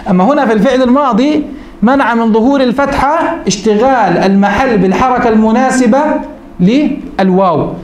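A man teaching a grammar lesson as a sheikh. He asks his students questions, answers them himself and repeats each rule slowly. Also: very high voice, a little mellow, echoey room. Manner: repeats rules slowly for emphasis.

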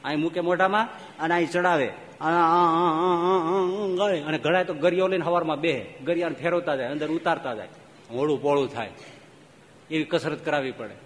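Male swami, sermon storyteller; animated, quizzes the audience; echoing hall, faint room noise. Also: on the high side, normal speed. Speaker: swami giving a religious discourse. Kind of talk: sermon with fables. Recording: reverberant hall, faint ambience.

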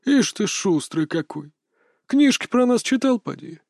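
A cackling old sorcerer with a raised, mellow voice, as a male reader puts him on, chatty and mock-tender as he coaxes his victim. The recording is dry and close, with a folksy, creeping menace under the friendliness. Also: sits high, sing-song, measured pace, vocal fry, dry recording, voice pushed up, heavily acted. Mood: sly. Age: older.

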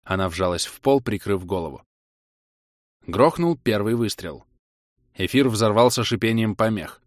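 A man narrating a science fiction audiobook in a steady, measured reading. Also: on the low side, no echo, studio quality.

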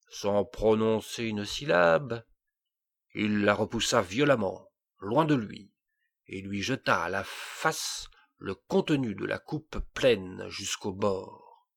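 A man reading a classic tale aloud as audiobook narration, measured and deliberate. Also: mid-range voice, vocal fry. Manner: slow, measured storytelling. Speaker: audiobook reader.

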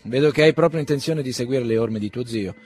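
A man voicing a blunt, scornful young man with a mocking, cutting way of talking, raised and louder than his reading voice. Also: mid-range voice, fast, soft background music, natural voice.

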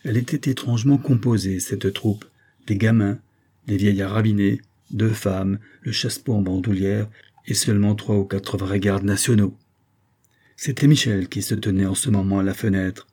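Male narrator for a classic novel: low, mellow voice, steady delivery. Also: breathy edge. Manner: steady, measured storytelling. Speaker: audiobook narrator. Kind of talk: scripted literary narration.

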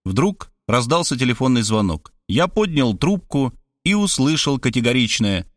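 A man narrating an audiobook in the first person with expressive storytelling. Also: mid-range voice, normal speed, no room sound, studio quality.

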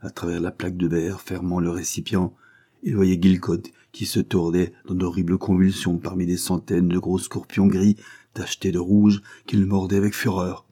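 A man reads an adventure novel aloud in a very low, husky voice. His tone is dark and mellow, and his storytelling stays steady and measured. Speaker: narrator. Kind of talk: audiobook reading of an adventure novel.

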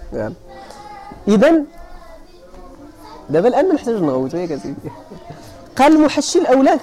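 A man with a Moroccan accent giving a classroom lecture on hadith terms, explaining each point and often asking his students whether it is clear. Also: high voice, mellow. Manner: explains then checks if students follow. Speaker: teacher of hadith sciences.

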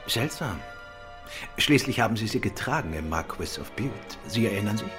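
Playing a courteous, self-assured gentleman detective in a German radio crime drama, a man questions people politely, probing with measured care. His natural voice sits on the low side with lively intonation, and music plays underneath.

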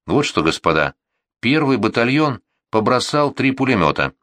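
A man's voice: mid-range voice, big pitch swings, moderate pace, fairly bright tone, no room sound, voice pushed up. A man voicing a stern army colonel who gives curt, threatening orders to his officers. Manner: clipped, commanding.

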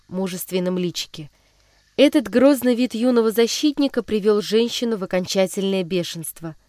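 A woman narrating a children's story in a measured, expressive reading voice. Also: mid-range voice, no room sound, clean studio sound.

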